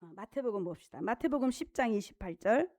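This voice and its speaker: A woman's voice: on the high side, expressive, fast, a little mellow. A woman pastor preaching a sermon in an emphatic, conversational way, with frequent rhetorical questions and casual asides.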